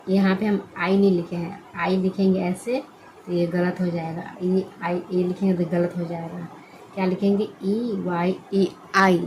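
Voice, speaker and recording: A woman's voice: lowish voice, slight background noise, low-quality recording. A woman teaching English letter sounds in a classroom style, asking questions and answering them herself. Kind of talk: classroom-style pronunciation lesson.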